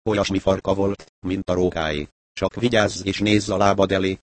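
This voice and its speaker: A man voicing an uneasy grown man exploring a dark mine, in an audiobook. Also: deep voice, little pitch movement, no echo, lightly acted. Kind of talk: audiobook character voice.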